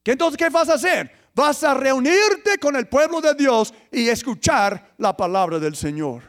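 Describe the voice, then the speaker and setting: High-voiced man preaching lively. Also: a little slow. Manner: lively preaching with rhetorical questions, swings between loud emphasis and soft asides. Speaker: pastor. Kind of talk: sermon.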